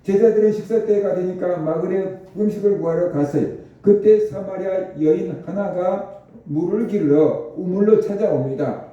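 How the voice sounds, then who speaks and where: A man preaches in a very reverberant church sanctuary, his fairly high voice sounding dark and mellow. He explains Scripture and keeps asking his listeners rhetorical questions. The mic sits at a distance and the sound is somewhat dull. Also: normal speed. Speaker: pastor. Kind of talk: sermon.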